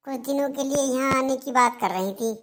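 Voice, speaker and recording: A woman's voice: high-pitched, a little fast, natural voice. A woman voicing a young daughter-in-law in a Hindi cartoon, complaining and answering back sharply.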